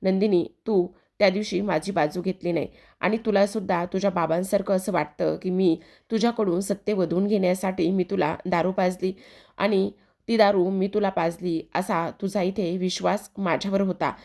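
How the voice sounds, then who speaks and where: A woman's voice: mid-range voice, fairly even intonation, normal speed, creaky, darkish tone. Hurt young husband, read by a woman. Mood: reproachful. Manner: reproachful.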